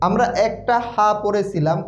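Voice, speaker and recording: A man teaching Quran letters in a slow recitation lesson, with a Bangladeshi Bengali accent, repeating each letter sound many times. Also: high voice. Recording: roomy, dull lo-fi sound.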